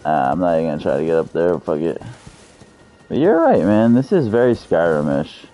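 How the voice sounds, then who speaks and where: Deep-voiced man in his thirties, profane streamer. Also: very animated, a little fast, mellow. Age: 30s. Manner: profane, loose, chatty with viewers. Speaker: game streamer. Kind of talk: casual live-stream chat.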